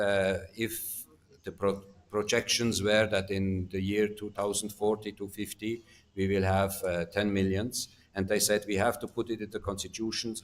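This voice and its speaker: Male ambassador, low voice, hesitant panel answers with frequent restarts. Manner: halting, many restarts and fillers. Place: conference hall.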